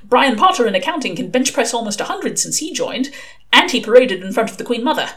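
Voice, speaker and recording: A woman's voice: fairly high pitch, very animated, brisk. A woman voicing an earnest, awkward young man who speaks tentatively and stammers, in an audiobook. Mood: flustered.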